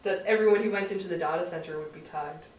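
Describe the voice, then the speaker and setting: A woman's voice: lowish voice, fast talker, a little mellow. Female co-host, dry playful delivery; roomy space, distant mic. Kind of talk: joking tech news chat.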